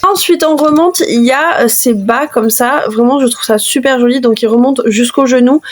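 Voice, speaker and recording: A woman with a high, light voice talks through a doll review with eager enthusiasm. She chats casually, with frequent small hesitations between thoughts. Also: normal speed.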